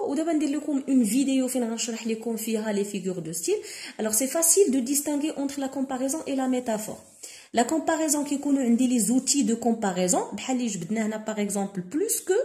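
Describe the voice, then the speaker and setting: A woman with a Moroccan accent teaching a lesson, reading lines slowly and then explaining them with many fillers. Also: high voice, mellow, roomy sound. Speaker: French literature tutor. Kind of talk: code-switching lesson explaining a novel.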